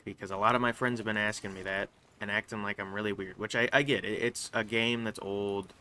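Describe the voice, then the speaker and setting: A man's voice: fairly low pitch, steady tone, pushed and bright. A young man giving loose, casual commentary while he plays a game, often restarting his sentences and trailing off. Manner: rambling, halting, with frequent restarts and fillers. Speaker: gaming channel host. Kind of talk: casual live gameplay commentary. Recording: faint background noise.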